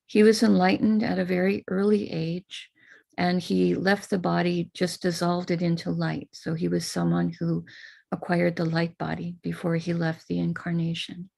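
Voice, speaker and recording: Over a video call, an American woman teacher leads a live online prayer ritual, her fairly low, gravelly voice calm and instructive between slow chanted invocations.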